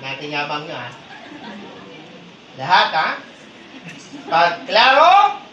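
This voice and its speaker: A man's voice: a little high, wildly swooping pitch, slow pace, muffled recording, a crowd in the background, noisy background. A man leading a live training seminar, teasing and quizzing his audience in call-and-response. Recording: echoey hall, distant mic, audience murmur.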